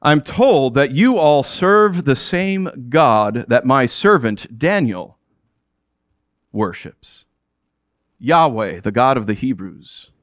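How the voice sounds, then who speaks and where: A man's voice: medium pitch, sing-song, slow pace, no echo. A man playing a proud ancient king who speaks to his subjects in a commanding way and chuckles between statements. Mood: regal. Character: proud middle-aged male Persian king addressing his subjects. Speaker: actor in a biblical character monologue. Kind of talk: theatrical first-person monologue.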